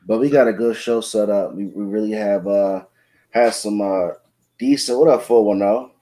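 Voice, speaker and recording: A man co-hosts a casual podcast in a laid-back, slangy way. His voice is lowish and mellow, never pushing. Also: normal speed. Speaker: podcast co-host.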